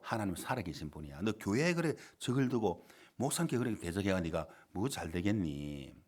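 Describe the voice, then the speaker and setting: A middle-aged male pastor preaching a sermon in a church, telling a story with dramatic swings between loud and quiet. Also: deep voice, big pitch swings, fairly quick. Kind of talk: sermon with acted-out quotes. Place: church sanctuary.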